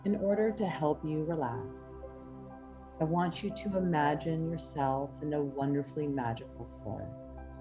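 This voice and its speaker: A woman hypnosis instructor guiding a relaxation induction, speaking in an unhurried, lulling way with long pauses. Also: sits low. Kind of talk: slow, soothing guided relaxation induction. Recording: music playing behind the voice. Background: soft New-age music.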